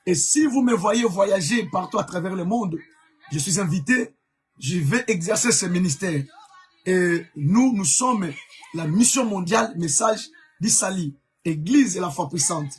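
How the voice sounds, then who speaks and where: A man's voice: high voice, animated, measured pace, breathy edge. A man from Congo preaching a live-streamed sermon as an evangelist, emphatic, repeating key words, with many fillers.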